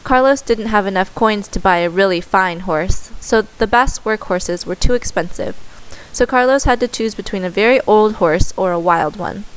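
A woman reading a children's story aloud in steady scripted narration, with the odd small self-correction. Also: mid-range voice, moderate pace, smooth, rough recording.

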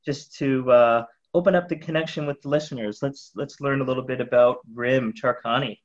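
A man's voice: medium pitch, steady tone, fairly quick, dull audio. A man hosting an interview podcast, talking casually with restarts and repeated words. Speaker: podcast host.

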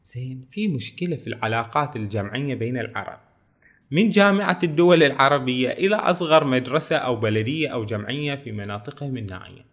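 A man's voice: medium pitch, animated, fast talker, a bit bright. A man with a Bahraini Arabic accent reading passages aloud and explaining them in casual dialect, with frequent fillers. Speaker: book reviewer. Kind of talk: casual book talk.

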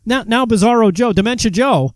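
A man hosting a political commentary monologue, mocking and animated, often stumbling and restarting his sentences. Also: very high voice, a little fast, no room sound. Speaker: host.

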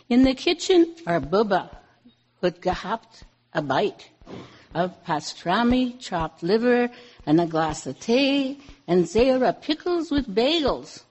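Slow, playful woman reading verse. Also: lowish voice, low-quality recording. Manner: playful, lively comic delivery. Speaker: lay reader at a service. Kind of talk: reading a comic holiday poem aloud.

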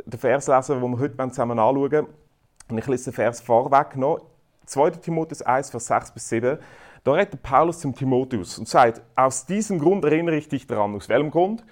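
A man preaches at an ordinary mid pitch. His delivery is lively, rising to loud emphasis and then dropping to quiet, earnest asides. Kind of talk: sermon.

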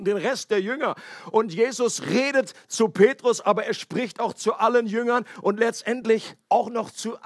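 A man's voice: high-pitched, a bit bright, no echo, clean studio sound. A man preaching a sermon in a conversational way, asking his listeners questions and making playful asides. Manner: conversational, asks the audience questions; playful asides with joking voices.

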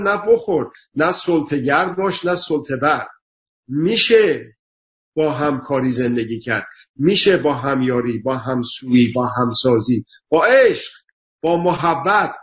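A man speaking earnestly on a talk show, lecturing through emphatic repeated lists. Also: a little high. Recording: dull lo-fi sound.

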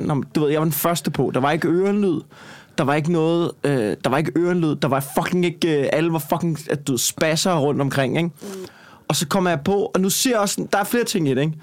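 Comedian guy ranting about a gig, swears loads, voice a bit high. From Copenhagen. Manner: swears a lot, heated and animated when retelling. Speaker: stand-up comedian. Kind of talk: casual chat, storytelling.

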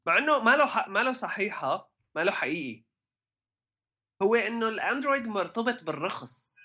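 A man with a Levantine Arabic accent talking casually about tech in a halting way, mixing English terms into his speech. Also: high-pitched, big pitch swings, sharp tone. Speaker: podcast co-host.

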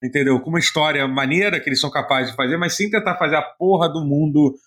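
A man's voice: fairly high pitch, fast talker, a bit bright. A tired man with a Brazilian Portuguese accent, hosting a casual gaming chat and rambling with many repeated words. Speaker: podcast host.

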